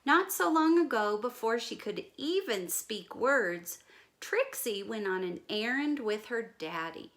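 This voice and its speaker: A woman with a higher voice reads a picture book to young children a little slowly, like a teacher. She tells the story carefully and expressively, adding explanatory asides and gentle questions to her listeners.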